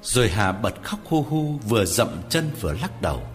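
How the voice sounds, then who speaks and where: A man narrating a Vietnamese horror story with an expressive storyteller's manner. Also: lowish voice, normal speed, soft background music.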